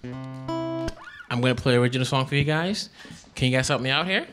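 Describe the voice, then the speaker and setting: A male musician introducing his song on stage in a relaxed, playful way. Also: mid-range voice, normal speed, over music.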